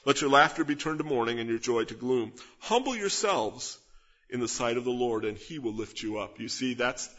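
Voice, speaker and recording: Husky-voiced preacher teaching scripture earnestly. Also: male voice, fairly low pitch, highs cut off. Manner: earnest, emphatic teaching with rhetorical questions. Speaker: pastor. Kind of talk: expository sermon.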